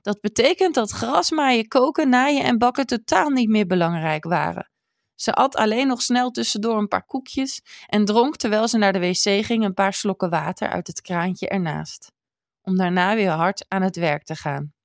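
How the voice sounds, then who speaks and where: A woman storyteller reading a children's storybook aloud, expressive yet measured. Her voice sits at a middle pitch, and the recording is close and completely dry, with no room sound. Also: vocal fry, dry recording.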